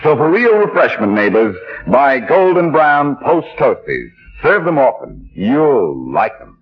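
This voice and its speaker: A man's voice: medium pitch, big pitch swings, unhurried. A man speaking as a 1940s old-time radio announcer, reading scripted sponsor copy with polished salesmanship. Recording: dull vintage radio broadcast with loud music.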